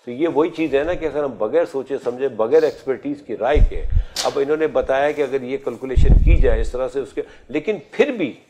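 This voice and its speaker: A man's voice: medium pitch, moderate pace, hardly any pauses, warm tone, slight background noise. A man in his fifties hosting a studio health talk show, chatty and joking, slipping English phrases into his questions. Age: 50s.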